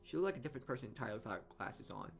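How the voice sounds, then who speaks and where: A man with a medium-pitched, creaky voice reads a visual novel's narration aloud as a let's player, animated and rapid-fire. He often stumbles over words and corrects himself, throwing in his own asides. Game music plays behind him throughout.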